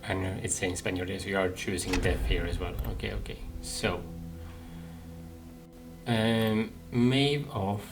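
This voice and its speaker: Over game music, a gaming video host with a deep, steady, slightly slow voice gives casual playthrough commentary. He thinks aloud in a hesitant, musing way.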